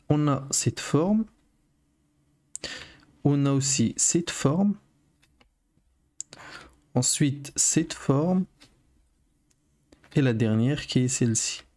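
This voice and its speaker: Slow, patient male teacher, mid-pitched voice, careful repetition for learners. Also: a little mellow. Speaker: Arabic teacher. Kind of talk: video lesson.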